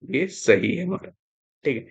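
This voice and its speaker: A man's voice: fairly high pitch, animated, measured pace, gravelly, breathy edge. A man teaching exam spelling, going through words one by one and repeating that each one is important. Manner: repetitive, emphatic, stresses importance. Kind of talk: explaining spelling on screen.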